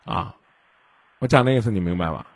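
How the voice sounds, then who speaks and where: Husky-voiced man lecturing a caller. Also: lowish voice, fairly quick, no room sound. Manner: lecturing, acts out little dialogues; keeps asking if the caller understands. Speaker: radio hotline host. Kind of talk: call-in advice show.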